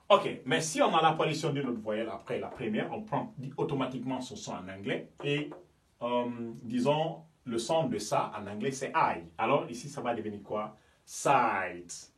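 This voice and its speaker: A man from Guinea teaching English pronunciation, explaining word by word and often asking if the listener understands. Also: mid-range voice. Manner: explains slowly, checks understanding with "you understand me?"; switches between French and English. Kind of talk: pronunciation lesson.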